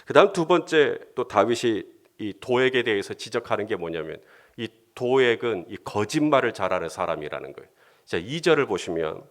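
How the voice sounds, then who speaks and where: A man's voice: on the low side, normal speed. Guy pastor preaching, chatty sermon, voice jumps up and down a lot, gets fired up acting out prayers. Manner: lively, conversational preaching that voices prayers with rising emotion.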